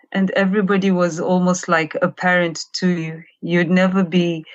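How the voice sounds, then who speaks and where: Kenyan woman guest, lowish voice, reflective and unhurried, muffled lo-fi line. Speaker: guest, children's author. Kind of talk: conversational interview.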